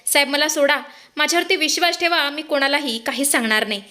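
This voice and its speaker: A woman's voice: high voice, fast, sharp tone. A woman voicing a frightened, humble male watchman begging for his life in a retold soap story. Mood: pleading.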